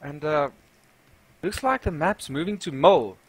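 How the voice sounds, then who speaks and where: A man's voice: fairly high pitch, lively intonation, measured pace, slightly rough. A man co-casting a live esports match in an easygoing, self-mocking way. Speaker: esports co-caster.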